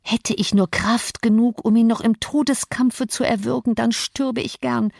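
A woman's voice: a little high, fairly even intonation, unhurried, gravelly, darkish tone, dry recording, studio quality. A woman reading an audiobook, voicing an injured, bitter young man who talks in a pained, strained way. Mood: groaning. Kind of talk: audiobook character voice.

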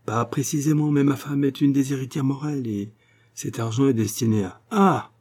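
In an audiobook, a man voices an honest, timid old head clerk who sounds trembling and wounded, first embarrassed and then indignant. His natural voice is mid-range and a little mellow, delivered at a moderate pace.

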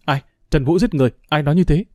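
A man reading an earnest young gentleman. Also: medium pitch, expressive, brisk, dry recording, studio quality, close to an everyday voice. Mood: shocked.

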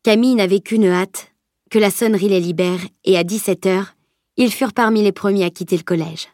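A woman narrating an audiobook in a calm, steady storytelling voice at a middle pitch. The recording is dry and close, with no room sound at all. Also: fairly quick, no echo. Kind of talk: scripted narration.

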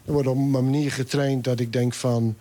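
A man's voice: mid-range voice, moderate pace. A man in his sixties, an assistant football coach, talking casually and thoughtfully in a radio interview. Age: 60s. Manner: relaxed, thoughtful, frequent hesitations.

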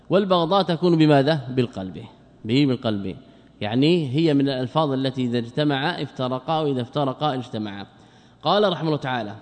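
A man teaching a religious text as a sheikh, lecturing quickly and asking his students questions he then answers himself. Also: fairly high pitch, big-room sound.

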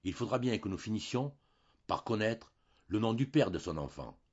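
A man's voice: deep voice, very animated, normal speed, slightly rough, exaggerated voice. A man voicing a young wife, earnest and stubborn, pleading and insistent, on a dull lo-fi recording.

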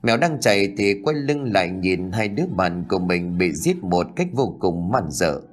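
A man narrating a ghost story in an expressive, dramatic way. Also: fairly low pitch.

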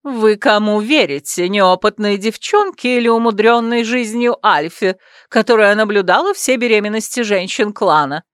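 A woman voicing a stern, domineering werewolf clan matriarch who speaks loudly and emphatically in an audiobook. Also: medium pitch, animated, no echo, clean studio sound, lightly acted. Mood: commanding. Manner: loud, commanding, slow and emphatic.

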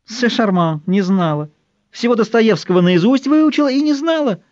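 Audiobook villain: male reader doing a high, sneering, hissing intruder, cruel and mocking. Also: animated, normal speed, a little mellow, dry recording, dull audio. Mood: taunting. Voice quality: hissing, taunting. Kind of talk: audiobook character voice.

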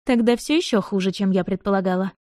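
A woman voicing a mischievous, sharp-tongued young noble bride who speaks in a lively, teasing, mock-dramatic way in an audiobook reading. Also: mid-range voice, fast talker, no room sound, studio quality, natural voice. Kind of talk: audiobook narration.

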